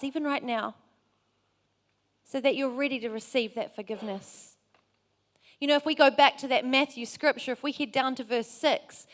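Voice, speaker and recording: A woman preacher giving a church sermon, telling a story in an earnest, conversational way. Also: high-pitched.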